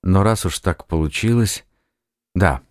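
A man narrating an audiobook who voices a calm, polite man from the far future, speaking in a measured way. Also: low voice, no room sound, studio quality.

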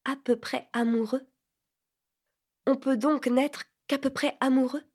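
A woman reading an audiobook, voicing a fifteen-year-old girl who answers with bright, mocking retorts. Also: on the high side, unhurried. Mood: teasing, wistful.

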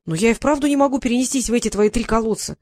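A woman's voice: fairly high pitch, rapid-fire, darkish tone, no echo, studio quality, natural voice. A woman voicing a young apprentice wizard boy, hesitant and curious. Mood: uncertain.

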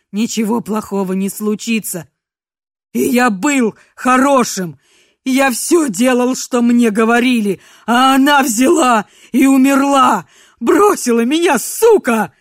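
A woman's voice: mid-range voice, steady tone, moderate pace, no room sound, clean studio sound, lightly acted. A woman doing a raging brute of a man. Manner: shouting, spitting abuse. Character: hulking cruel man, volatile, childish inside.

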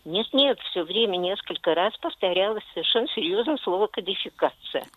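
A woman's voice: mid-range voice, animated, a little fast, no echo, narrow, tinny audio. A woman calling in to a radio show and asking a long question in an earnest, hesitant way. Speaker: caller.

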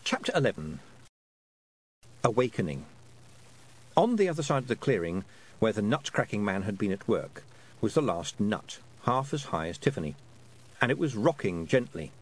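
A man narrating an audiobook in an expressive storytelling manner. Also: on the low side, moderate pace, pauses often, husky, poor audio.

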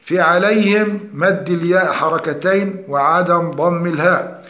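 A man's voice: on the high side, brisk. A man teaching Quran recitation, explaining pronunciation errors and demonstrating the correct forms. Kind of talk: tajweed lesson. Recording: echoey dull lo-fi room.

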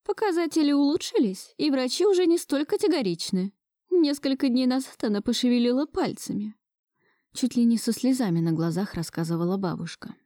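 A woman's voice: lowish voice, quick pace, hardly any pauses, dark tone, dry recording, studio quality. A woman reading an audiobook voices a stubborn, pushy old grandmother in a raised, reproachful voice.

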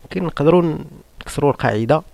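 A man's voice: on the high side, racing, gravelly, darkish tone, no room sound. A man with a Moroccan accent hosting an online debate room, arguing in a combative, mocking way full of rhetorical questions. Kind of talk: argumentative live-room monologue.

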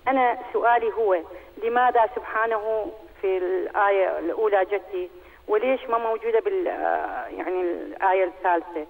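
A woman caller asking a question over the phone, speaking in a halting way and slowing down as she reads verses aloud. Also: medium pitch. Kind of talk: phoning in a question. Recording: tinny phone line with long hall echo.

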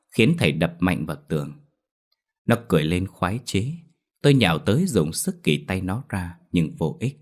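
Deep male voice narrating a horror story, steady and dramatic.

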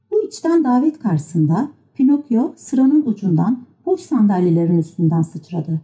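A woman narrating a children's storybook in an expressive way. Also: mid-range voice. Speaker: audiobook narrator.

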